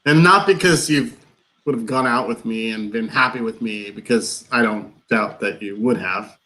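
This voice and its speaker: During a live play reading, a man plays an awkward, nervous character who rambles through a confession, his lines halting and over-explained. He sounds earnest and flustered, with a natural, medium-pitched, sharp-toned voice, though the audio is poor.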